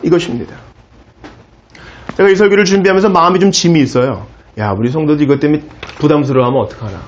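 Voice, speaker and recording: Animated male pastor preaching, lo-fi recording. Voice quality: animated, rising and falling emphasis, quoting God in a lowered voice. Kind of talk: sermon.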